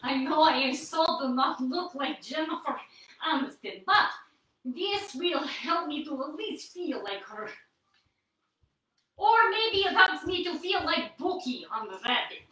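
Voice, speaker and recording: A woman's voice: high voice, expressive, a little slow, sharp tone, heavy reverb, distant mic, low-quality recording. A woman leading a live-streamed yoga core workout in a stilted, put-on persona voice, coaxing and encouraging her viewers. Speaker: workout instructor.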